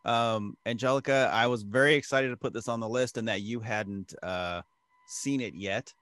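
On a movie podcast, this co-host from the American Midwest keeps the chat loose and jokey, frequently putting on goofy accents. He speaks at a moderate pace in a medium-pitched, fairly bright voice, and the recording is dry.

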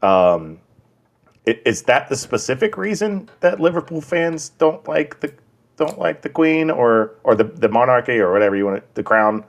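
A man co-hosting a casual podcast chat, talking in halting bursts with many restarts and ready laughter. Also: medium pitch, very animated. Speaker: podcast co-host.

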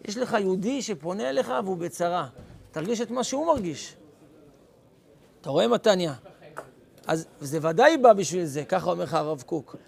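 A man's voice: high-pitched, vocal fry, background noise. A man, a rabbi, teaching students in an informal class, calling on them by name and acting out everyday scenes. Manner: lively, calls on students by name, acts out scenes.

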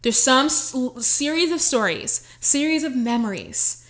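A woman life coach giving a casual motivational talk, blunt and animated, with frequent swearing. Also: high voice, measured pace.

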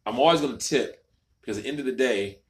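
A man's voice: mid-range voice, fast talker. A man co-hosting a casual chat from a home garage, telling stories with emphatic asides. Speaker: podcast co-host.

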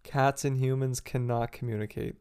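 A man's voice: medium pitch, fairly even intonation, moderate pace, a little mellow, clean tone. A man chatting casually as a podcast co-host, with joking, playful banter. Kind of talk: casual chat.

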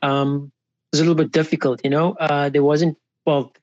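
A South African man in his twenties, a guest in a casual interview, relaxed and chuckling easily, with lots of fillers. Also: fairly high pitch, brisk, no room sound, dull audio. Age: 20s. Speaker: guest, pro skateboarder.

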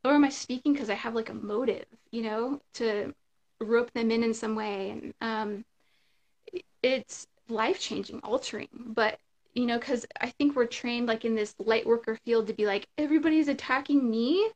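A woman's voice: a little high, fairly even intonation, normal speed. A woman guest talking casually and rambling with many fillers, over a video call. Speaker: interview guest. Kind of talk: casual spiritual chat.

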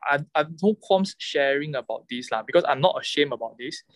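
A Singaporean man in a casual podcast chat as a guest, speaking Singlish with Mandarin and English mixed mid-sentence, often hesitant and halting. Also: a little high, lively intonation, fairly bright tone, no echo. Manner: Singlish, code-switching between English and Mandarin with local particles.

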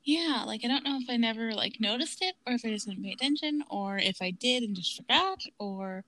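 A woman's voice: a little high, expressive, a little fast, a bit bright. A woman in her thirties co-hosting a casual rewatch podcast, chatty and laughing, acting out quotes. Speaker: podcast co-host.

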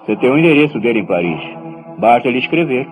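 Man acting a stern, protective Brazilian brother, medium-pitched. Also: lively intonation, quick pace, lightly acted, rough recording. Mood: insistent. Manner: emphatic, admonishing, theatrical. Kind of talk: radio soap opera acting. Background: music.

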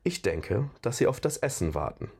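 A man playing a calm, soothing companion. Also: mid-range voice, vocal fry, slightly rough, exaggerated voice. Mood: thoughtful. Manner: measured, soothing, placating. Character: calm, diplomatic adult male companion.

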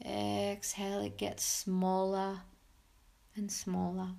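A woman's voice: medium pitch, monotone, creaky, mellow. A woman hosting a mindfulness podcast, giving soothing guided meditation instructions in simple, encouraging phrases. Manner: soothing, unhurried instructions with pauses.

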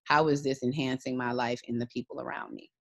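A woman's voice: rumbling low, fairly even intonation, fairly quick, creaky, dry recording. A woman in her thirties, talking as an interview guest in a reflective, rambling way with many fillers. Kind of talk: casual conversation.

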